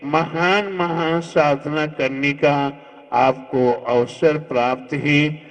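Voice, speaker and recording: A Jain monk preaching a devotional sermon, his fairly high male voice unhurried and deliberate. He talks his listeners through the teaching with fond rhetorical questions and now and then drifts into a chanting lilt. A long reverb trails each phrase, as in a large hall. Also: fairly even intonation.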